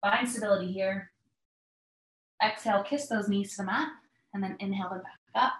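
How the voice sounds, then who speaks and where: A woman instructor guiding a stretching class with breathing cues in a calm, measured, step-by-step manner. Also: medium pitch. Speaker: yoga and mobility instructor. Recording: echoey, roomy sound.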